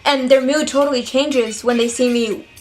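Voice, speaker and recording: A woman's voice: sits high, fairly even intonation, normal speed, darkish tone, soft background music. A young woman answering viewer questions in a casual vlog, candid, chatty and earnest. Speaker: vlogger.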